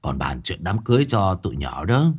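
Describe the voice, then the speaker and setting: A man reading a story, voicing a hearty, talkative older village father who chats warmly with his friend. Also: deep voice, very animated, normal speed, husky, exaggerated voice. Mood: jovial. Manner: hearty, chatty.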